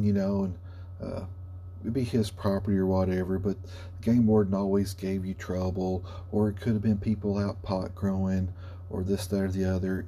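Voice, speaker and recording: Middle-aged man, folksy rambling storyteller, dark relaxed tone, with noticeable hum behind him. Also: lowish voice. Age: 40s. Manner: rambling, folksy, self-correcting. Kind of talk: casual spoken anecdote. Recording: noticeable background hum and noise.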